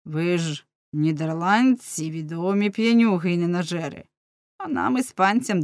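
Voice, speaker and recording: A woman's voice: on the low side, a little mellow, no room sound. A woman putting on sneering, gloating soldiers. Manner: sneering, taunting. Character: mocking cruel soldiers, gloating jailers.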